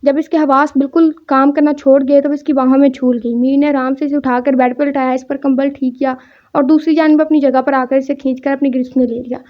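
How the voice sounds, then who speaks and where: A woman's voice: high voice, level tone. A woman reading a romance novel aloud, narrating and speaking every character's lines in her own voice. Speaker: audiobook narrator. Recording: dull lo-fi recording.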